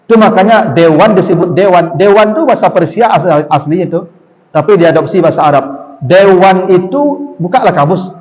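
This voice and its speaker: High-voiced preacher in an echoing hall. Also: male voice, fairly quick. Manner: lively, rhetorical, addresses audience directly. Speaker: Islamic preacher. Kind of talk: sermon. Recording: dull, long-reverb hall sound.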